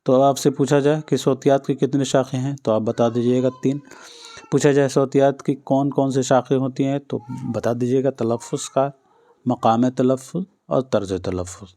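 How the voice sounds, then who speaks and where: Mellow-voiced male teacher drilling exam answers. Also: mid-range voice, fairly even intonation. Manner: patient, repeats each answer, addresses listeners directly. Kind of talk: exam-prep lesson.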